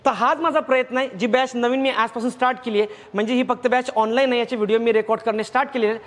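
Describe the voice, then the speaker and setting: A man's voice: very high-pitched, fairly even intonation, rapid-fire, long reverb tail. A man with a Marathi accent teaching vocabulary in a lecture, who repeats words in lists and asks himself questions.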